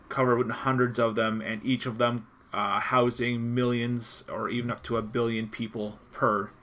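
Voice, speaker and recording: A man narrates a tabletop game as its game master, setting each scene in halting, descriptive phrases. His voice is bright and forward, with a middle pitch.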